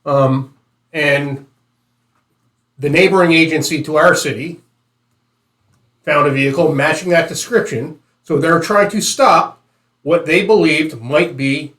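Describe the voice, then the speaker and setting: A man chatting casually and telling stories as a panelist in a relaxed group discussion. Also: fairly high pitch, measured pace, long pauses. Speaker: podcast panelist on policing. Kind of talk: casual conversational storytelling. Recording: roomy, echoey room.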